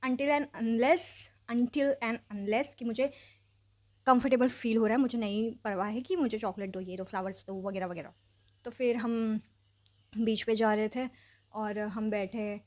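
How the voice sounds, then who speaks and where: A young woman telling a personal story in a chatty, animated vlog style, dropping English phrases in and leaning on fillers. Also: fairly high pitch, unhurried, no echo. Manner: mixes English phrases into speech. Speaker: vlogger. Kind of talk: casual storytelling.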